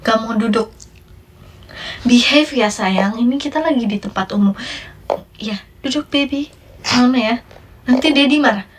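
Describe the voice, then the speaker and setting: A woman voicing a gentle mother coaxing her toddler, slipping into English words. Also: a little high, normal speed, far from the mic, close to an everyday voice. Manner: soft coaxing, mixes in English.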